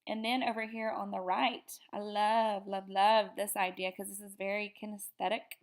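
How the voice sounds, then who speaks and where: A woman giving an upbeat slide presentation to teachers, often pausing on fillers. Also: medium pitch, flat delivery. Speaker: teacher educator. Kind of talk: presentation lecture over slides.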